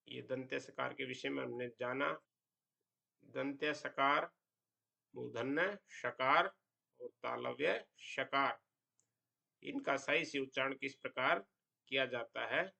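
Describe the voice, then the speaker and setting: A man gives a Sanskrit pronunciation lesson at a very unhurried pace. His voice is strongly gravelly, with a bright, pressing tone. He explains step by step and lingers on each example sound. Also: mid-range voice. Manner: slow, deliberate explanation with drawn-out example sounds. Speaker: Sanskrit teacher.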